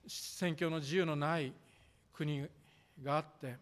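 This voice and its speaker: A man preaching a sermon as pastor, measured and formal, drawing out the ends of his sentences. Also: a little high, fairly even intonation. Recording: echoey hall reverb.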